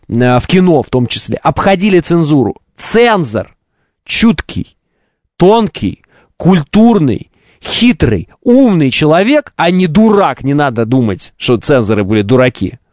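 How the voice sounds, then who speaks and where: A man's voice: on the high side, a little mellow, dry recording, clean studio sound. A man hosting a live stream, delivering an opinionated, didactic monologue with emphatic rhetorical questions and ironic asides.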